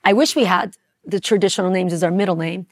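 Forties woman from iran telling her life story, gravelly voice, takes her time. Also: fairly low pitch, fast talker. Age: 40s. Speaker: interview guest. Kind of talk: personal storytelling.

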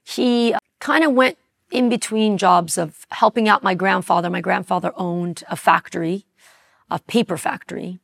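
Gravelly-voiced woman from Iran telling her story. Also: medium pitch, normal speed. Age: 40s. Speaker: interview guest. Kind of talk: personal storytelling.

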